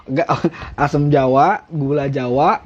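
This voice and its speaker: A man's voice: mid-range voice, fairly even intonation, takes it slowly, a little mellow. A young man, casually teaching drill commands on a live stream, blunt and joking as he reads from a rulebook. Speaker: drill instructor. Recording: dull lo-fi live stream audio.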